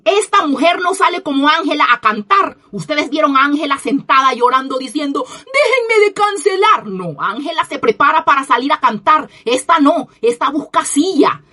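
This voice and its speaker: A woman's voice: high voice, fairly bright tone, husky. A woman giving an indignant, scornful opinion monologue as a commentator, repeating herself for emphasis.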